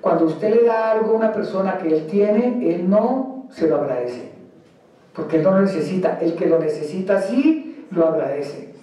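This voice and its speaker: A man's voice: high-pitched, normal speed, mellow. A man from Colombia, a pastor preaching an emphatic sermon and acting out the words of believers. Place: church. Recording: very echoey church hall, mic far.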